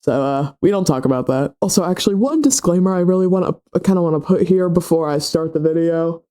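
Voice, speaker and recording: Man, stuffy from a cold, high pitch, soft mellow tone, scripted rant, dry sarcasm, light background music. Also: lively intonation, fast talker. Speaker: YouTube commentator.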